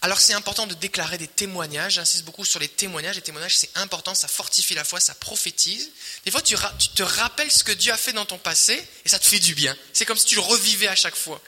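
A man preaching a sermon, emphatic and repetitive, swelling loud and then dropping quiet. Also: high voice, fast, breathy edge. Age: adult, married. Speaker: pastor. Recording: long hall reverb.

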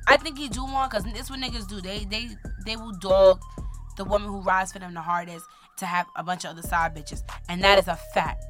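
A woman's voice: mid-range voice, fairly even intonation, fairly quick, fairly bright tone, faint music behind. A woman co-hosting a casual gossip chat, blunt, brash and profane. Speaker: co-host.

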